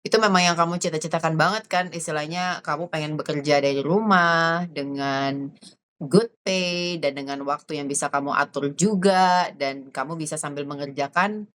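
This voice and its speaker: A woman co-host with a very low voice talks in a relaxed, reflective way. She mixes two languages freely as she chats. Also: moderate pace. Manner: reflective, mixes Indonesian and English. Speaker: podcast co-host. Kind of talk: casual conversation.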